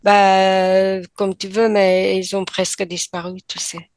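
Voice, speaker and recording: A woman's voice: medium pitch, level tone, slow pace, darkish tone, no room sound. A woman under hypnosis describing what she sees, hesitant and repeating her words. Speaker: hypnosis subject. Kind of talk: trance session dialogue.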